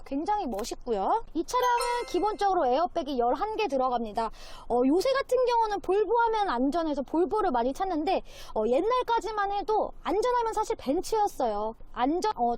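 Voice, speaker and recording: A woman car dealer giving a polished, gushing sales pitch in a walkaround presentation. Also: darkish tone, slight background noise.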